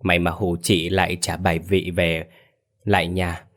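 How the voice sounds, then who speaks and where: A man's voice: deep voice, little pitch movement, normal speed. A man voicing a timid frightened widow. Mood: pleading. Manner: pleading, softly respectful. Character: grieving young widow, timid and afraid of ghosts.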